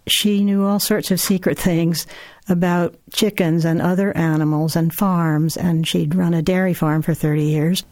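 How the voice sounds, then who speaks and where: A woman's voice: on the low side, fairly even intonation, normal speed, dry recording. A woman author answering interview questions, telling stories with the odd laugh. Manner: warm laughing storyteller, reads excerpts aloud. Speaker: author and guest. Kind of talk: radio interview answers and reading aloud.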